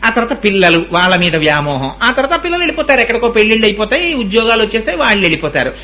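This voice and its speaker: A man's voice: high-pitched, very animated, very fast, bright, forceful tone. A man giving a devotional sermon, telling stories to his listeners and breaking into chanted verses. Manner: storytelling, addresses listeners directly, breaks into sung verse. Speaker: religious discourse speaker.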